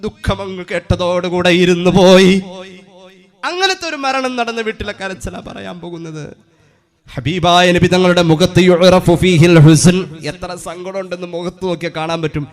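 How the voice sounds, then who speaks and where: Malayali male preacher, high voice, quick hushed storytelling broken by loud chanted recitation. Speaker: Islamic preacher. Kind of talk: sermon. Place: mosque or religious gathering.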